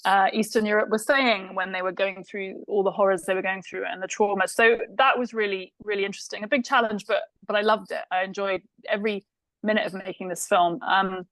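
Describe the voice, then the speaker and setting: A woman's voice: mid-range voice, fairly even intonation, fairly quick, fairly bright tone, no room sound, rough recording. A woman from England with an English accent, a film director answering interview questions thoughtfully, with many fillers and restarts.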